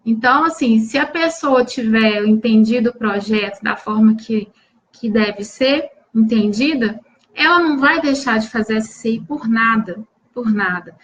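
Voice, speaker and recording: Brazilian woman talking on a live stream, bit high voice, restarts a lot, calls out viewers by name. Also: a little slow, a bit bright, low-quality recording. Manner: earnest, repeats and restarts phrases, addresses viewers by name. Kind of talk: live stream coaching talk.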